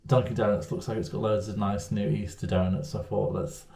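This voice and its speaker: Here a man vlogs from home, his fairly low, gravelly voice dark in tone, a little fast and barely moving in pitch as he rambles self-mockingly to camera. The arm's-length camera picks up the roomy echo of the small room.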